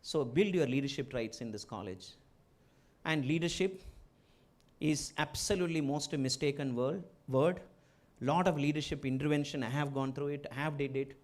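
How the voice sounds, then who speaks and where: Addressing students as a guest speaker, a middle-aged Indian man with a strong Malayali accent, an entrepreneur and former chief executive, motivates them with short, emphatic phrases and repeated key words. His voice is a little high, at normal speed.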